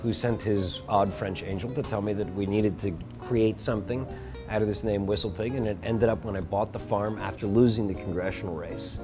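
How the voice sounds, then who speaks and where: A man as interview guest, telling stories in an animated way with frequent restarts. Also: on the low side, brisk, music in the background. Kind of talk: casual chat, storytelling.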